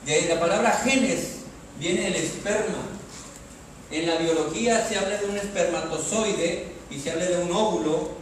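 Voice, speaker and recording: A man's voice: sits high, normal speed, distant mic, a little hiss or hum. A male pastor from Mexico preaching a sermon, reading scripture aloud and pressing the congregation with emphatic rising questions. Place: church hall. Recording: echoey church hall, heard from afar.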